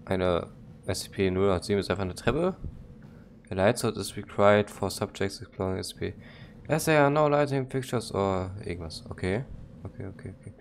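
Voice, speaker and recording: A gaming YouTuber doing let's-play commentary, joking and talking back to the game, and haltingly reading English text aloud. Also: male voice, low voice. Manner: joking, talks to the game and its monster. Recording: loud background noise.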